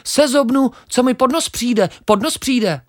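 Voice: medium pitch, a little mellow, pitched above the performer's own voice, natural voice. A reader voicing a small, boastful male sparrow in a children's story, who chirps a nonsense refrain and repeats himself. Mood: chirpy.

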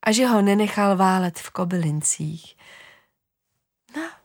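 A woman reading a fairy tale aloud in a gentle, unhurried way, often dropping into a whisper. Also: mid-range voice, expressive, no echo, studio quality. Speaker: storyteller. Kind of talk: storybook narration.

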